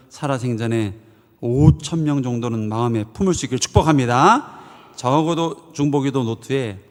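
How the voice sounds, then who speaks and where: A male pastor preaching a Sunday sermon with lively delivery, briefly acting out the voices of the people in his stories. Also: medium pitch. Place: church sanctuary. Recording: long hall reverb.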